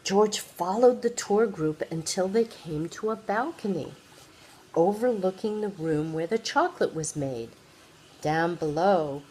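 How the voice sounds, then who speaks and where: An older woman, a sweet grandmother, reading a children's picture book aloud and gently engaging the young listener. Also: mid-range voice, a little hiss or hum, low-quality recording. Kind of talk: read-aloud children's storytelling.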